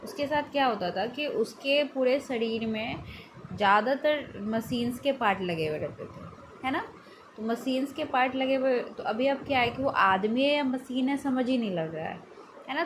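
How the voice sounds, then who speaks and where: Woman teaching vocabulary over background noise. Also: a little high. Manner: chatty, repeats words as memory aids. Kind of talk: casual explanatory lesson.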